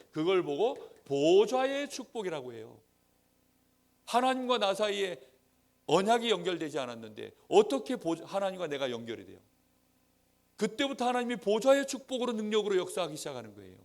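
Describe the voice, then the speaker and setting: Lively high-voiced man preaching. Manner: lively, swings between loud emphatic lines and soft asides; acts out quoted friends in dialogue. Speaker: Sunday school preacher. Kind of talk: sermon to young people. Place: church.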